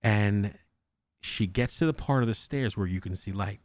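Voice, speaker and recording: Clean studio sound with no room noise carries this young podcast host's fairly low voice at a moderate pace. He narrates a ghost story casually and animatedly, cursing often and performing the voices of the people in it.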